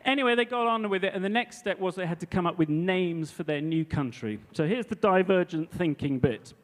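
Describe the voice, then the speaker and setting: A man in his fifties gives a conference talk to fellow teachers, telling a classroom story in a chatty way and checking in with his listeners. His voice sits slightly high. The sound rings with the long reverb of a large hall. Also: a little fast. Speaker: English language teacher presenting to teachers. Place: hall before a live audience.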